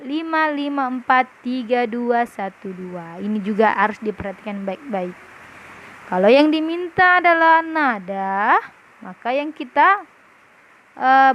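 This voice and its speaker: A woman's voice: high voice, a bit bright. Patient woman teacher reviewing a lesson. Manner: patient, explaining step by step, often asks "paham?". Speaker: primary school teacher. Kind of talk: recorded lesson review for pupils. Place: classroom with a whiteboard.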